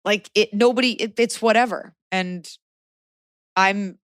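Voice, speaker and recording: A woman's voice: mid-range voice, unhurried, no room sound, clean studio sound. A woman in her forties hosting a podcast, giving frank, emphatic advice in a casual chat. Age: 40s.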